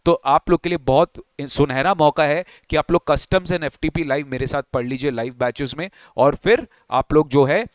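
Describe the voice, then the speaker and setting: Man, tax teacher, coaching lecture, emphatic, crisp, dry sound. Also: on the high side, moderate pace, few pauses, no room sound. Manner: Hindi-English mix, emphatic, asks rhetorical questions.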